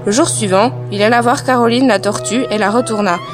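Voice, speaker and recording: A girl reading a school storybook aloud as narrator, in a steady read-aloud style. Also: on the high side, brisk, over music.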